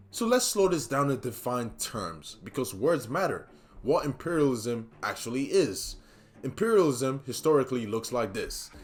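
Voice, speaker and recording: A male host delivers solo commentary in an emphatic way and repeats his key points for stress. He drops casual asides to the listener between them. Faint music plays underneath his voice. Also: mid-range voice. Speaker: podcast host.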